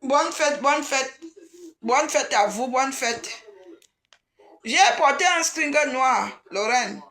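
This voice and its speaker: A woman, chatting casually and excitedly on a live stream and teasing her viewers. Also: high voice, takes it slowly. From Cameroon.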